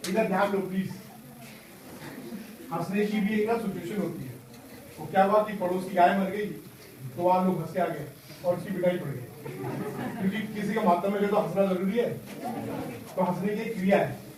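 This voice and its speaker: A hoarse man leading a school workshop, quizzing pupils with call-and-response questions in a classroom. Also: sits high, normal speed, long pauses, far from the mic. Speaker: workshop trainer. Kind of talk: classroom talk to students. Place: large echoing school classroom. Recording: echoey classroom taped from afar, student chatter. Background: students murmuring.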